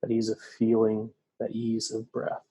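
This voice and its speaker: Soft-spoken man guiding a slow meditation. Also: fairly low pitch, monotone, slightly rough, rough recording. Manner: slow, soft, soothing instructions. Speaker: meditation guide. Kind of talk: guided breathing meditation.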